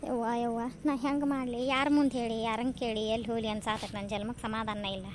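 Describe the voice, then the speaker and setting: A woman putting on an anxious young village daughter-in-law from a cartoon, speaking with a North Karnataka Kannada accent. She pleads over and over in a high, strained voice. Faint background hiss sits under her words. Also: fairly quick, natural voice. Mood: pleading. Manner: pleading, repetitive.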